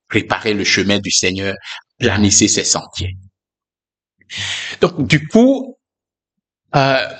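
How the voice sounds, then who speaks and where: A man's voice: medium pitch, fairly bright tone. A man giving an informal, conversational sermon, musing aloud with frequent fillers and asides. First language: not English. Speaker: preacher.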